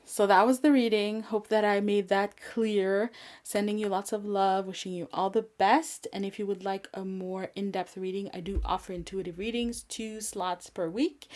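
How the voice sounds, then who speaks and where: Giggly, chatty woman reading tarot cards. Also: medium pitch. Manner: giggly, chatty and warm-hearted, with frequent laughs and fillers. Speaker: tarot reader. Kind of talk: casual pick-a-card tarot reading.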